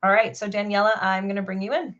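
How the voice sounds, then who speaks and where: A woman's voice: mid-range voice, steady tone, fast talker, a bit bright, lo-fi sound. A woman hosting an interview show, chatty and enthusiastic, asking clarifying questions. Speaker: show host.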